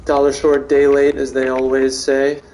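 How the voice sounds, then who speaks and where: Medium-pitched and monotone, this man talks at a normal speed with a darkish tone over soft background music. He's streaming a game, chatting loosely and cracking jokes as he rambles to his viewers.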